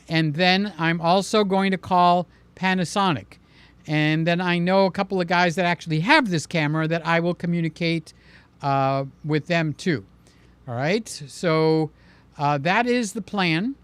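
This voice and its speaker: Hosting a laid-back live stream, this man answers his viewers in a high-sitting voice that is clear, resonant and a bit bright. He speaks emphatically and keeps ending points with "okay?". The dry recording comes from a mic placed in front of him.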